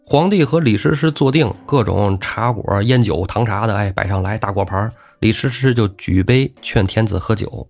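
A man's voice: on the low side, normal speed, vocal fry, few pauses, darkish tone, soft background music. A man hosting a humorous storytelling show, chatty with joking asides. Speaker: storyteller host.

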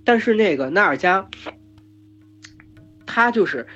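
A hoarse man hosting a podcast, retelling an epic in casual chat, full of fillers and restarts. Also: sits high, animated, a little slow, pushed and bright. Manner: rambling with many fillers and restarts. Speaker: podcast host retelling myths. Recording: dull lo-fi podcast recording with faint music.

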